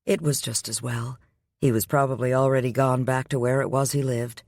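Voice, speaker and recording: A man reading a romance audiobook aloud in a steady, even storytelling manner. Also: medium pitch, moderate pace, creaky, no echo, clean studio sound. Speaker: audiobook narrator. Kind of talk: scripted romance narration.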